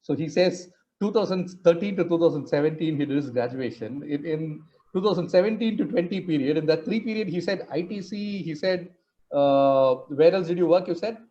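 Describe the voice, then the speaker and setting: Male moderator, Indian English accent, informal and rambling, mildly high-pitched, heard over a slightly lo-fi online call. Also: brisk, mellow. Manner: loose, rambling phrasing with "sort of" and "you know". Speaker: host, moderator. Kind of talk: informal online interview hosting.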